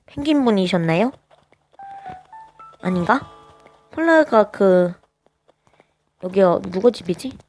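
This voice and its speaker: A woman with a naturally high voice, chatting casually as she plays a life-sim game, hesitant and full of little filler sounds. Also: expressive, slow pace, pauses often, darkish tone, faint music behind. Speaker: game streamer. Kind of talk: casual gameplay commentary.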